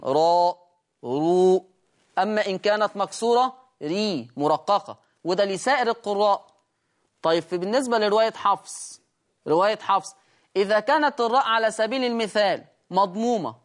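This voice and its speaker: A man with an Egyptian accent teaches Quran recitation in a high, light voice. He explains each rule in plain speech, then slows down to chant examples that show it. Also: a bit bright. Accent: Egyptian Arabic. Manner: explains rules and demonstrates by chanting examples slowly. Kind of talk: recitation lesson.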